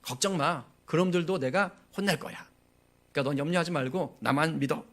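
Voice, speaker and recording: A man's voice: fairly high pitch, a little fast, fairly bright tone, lightly acted. A male pastor voicing God as a blunt, fatherly figure who talks casually to a prophet. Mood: reassuring.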